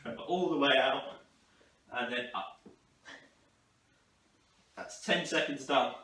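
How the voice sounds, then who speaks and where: This fitness instructor is a man with a medium-pitched voice that's pushed and bright, speaking slowly as he coaches a workout to camera, encouraging people step by step. The sound is roomy, picked up by a distant mic with faint noise.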